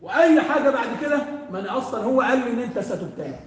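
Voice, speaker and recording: A man's voice: extremely high pitch, very animated, racing. A man with an Egyptian Arabic accent giving a religious lesson to a live audience, asking questions and letting his listeners finish his sentences. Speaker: religious teacher. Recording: echoey hall.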